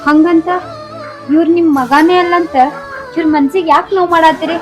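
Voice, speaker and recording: An actress playing a young daughter-in-law with a North Karnataka accent who pleads in tears. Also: female voice, extremely high pitch, fairly even intonation, normal speed, faint music behind, low-quality recording. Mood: pleading. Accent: North Karnataka Kannada. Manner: tearful pleading. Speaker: actor.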